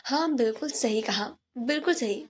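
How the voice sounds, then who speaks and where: A woman voicing a quick-tempered young fiancée who scolds sarcastically. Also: on the high side, breathy edge. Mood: angry sarcastic.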